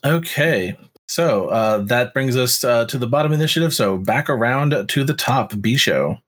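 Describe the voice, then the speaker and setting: A man acting as game master in a tabletop role-playing session, talking in a relaxed way with many fillers. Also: medium pitch, moderate pace.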